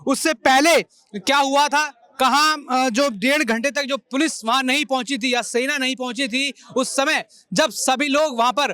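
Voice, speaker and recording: A man's voice: very high-pitched, normal speed, pushed and bright, clear, resonant tone. A man interviewing a guest in a news debate, pressing hard with one question after another. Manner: insistent, piles up questions.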